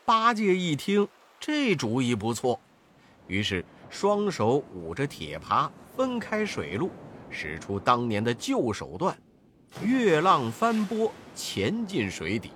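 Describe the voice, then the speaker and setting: A man narrating a children's storybook slowly and expressively, with dramatic rises. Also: medium pitch, wildly swooping pitch, a bit bright, slight background noise.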